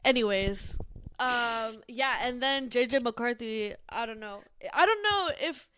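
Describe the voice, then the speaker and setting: Smooth, higher-voiced woman chatting football. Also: lively intonation, measured pace, fairly bright tone, no room sound, studio quality. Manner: rambling, swears freely, many fillers. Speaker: podcast co-host. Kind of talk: casual sports chat.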